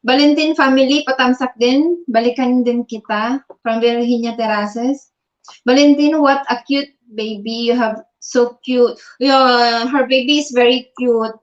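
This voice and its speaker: A woman's voice: on the high side, steady tone, measured pace, lo-fi sound. A Filipino woman doing a casual livestream from her bed on her phone, reading out viewer comments, mixing Tagalog and English and laughing often. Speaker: livestream vlogger. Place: in bed at home.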